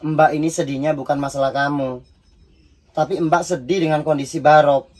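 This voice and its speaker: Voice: mid-range voice, fairly even intonation, moderate pace, darkish tone, close to an everyday voice. A performer voicing a fretful older sister in a comedy sketch. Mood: worried. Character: worried older sister Lela, young adult woman.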